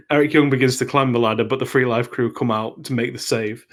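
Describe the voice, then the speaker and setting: A man co-hosting a podcast, recapping wrestling matches in a relaxed, casual chat. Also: mid-range voice, normal speed. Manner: relaxed, lays out match events play by play. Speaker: podcast co-host.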